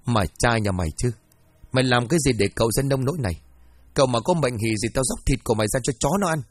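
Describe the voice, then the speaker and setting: A man's voice: medium pitch, quick pace, no echo, close to an everyday voice. A man voicing a hot-tempered older woman, mistress of the house, who scolds and wails in a horror story. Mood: scolding. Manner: scolding, wailing.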